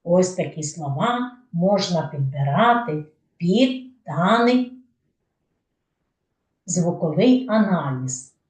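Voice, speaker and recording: A woman's voice: lowish voice, lively intonation, slow, pauses often, a little mellow. A woman with a Ukrainian accent teaching a patient, question-led phonics lesson to preschool children. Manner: patient, asks questions then answers them herself. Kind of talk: slow didactic lesson for young children. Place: kindergarten room. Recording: echoey room, voice from a distance.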